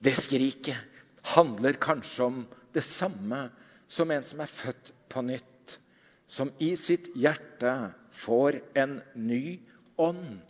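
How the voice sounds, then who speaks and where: Middle-aged male pastor preaching, animated storyteller, loud then hushed, dull recording with a long hall echo. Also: mid-range voice. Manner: animated storytelling, swings between loud emphasis and quiet. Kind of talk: sermon.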